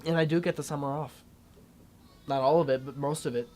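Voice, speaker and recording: A man's voice: a little high, steady tone, a little fast, darkish tone. Emphatic eighteen-year-old guy. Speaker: graduating homeschool student. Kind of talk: casual interview answers.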